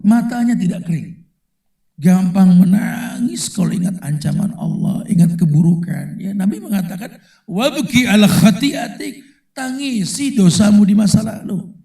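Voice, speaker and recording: Lively preacher, dark voice, echoey hall. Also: male voice, high-pitched, moderate pace, creaky. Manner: slangy, animated, acts out quoted people. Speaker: Islamic preacher. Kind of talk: casual lively sermon.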